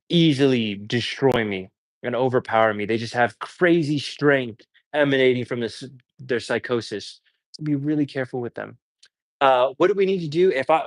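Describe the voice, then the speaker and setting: A man's voice: medium pitch, dry recording. A man who works as a paramedic, teaching emergency skills on a live stream in a casual, storytelling way with lots of fillers.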